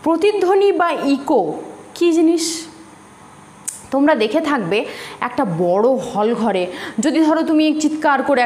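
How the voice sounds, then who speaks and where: Lively high-pitched woman teaching physics. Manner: patient, explanatory, addresses students directly with questions. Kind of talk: recorded classroom lecture. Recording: echoey room with faint hiss.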